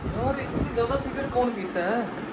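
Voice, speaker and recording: A young man, loudly accusing and scolding during a prank at home. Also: very high voice, moderate pace, background noise. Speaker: vlogger, husband in a prank. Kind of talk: prank vlog confrontation. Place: home bedroom, indoors.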